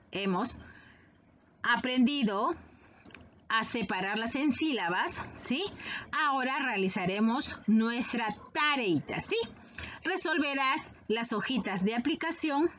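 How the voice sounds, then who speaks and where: A woman teaching a reading lesson to young children, sounding out each syllable slowly and encouraging them warmly. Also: a little high, a little hiss or hum.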